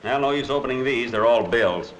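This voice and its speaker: An American actor playing a broke, dithering lawyer in 1940s screwball comedy banter, dry and stammering. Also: male voice, medium pitch, a little fast, a bit bright, a little hiss or hum, natural voice, rough recording. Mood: dry, wry. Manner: dry wisecracking, flustered stammering. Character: broke, dithering male lawyer, putting on a brave front. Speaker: lead film actor.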